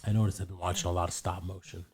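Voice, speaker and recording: Low-voiced man in casual podcast chat. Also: level tone, rapid-fire, husky. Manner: loose and profane, with frequent restarts. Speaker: podcast co-host.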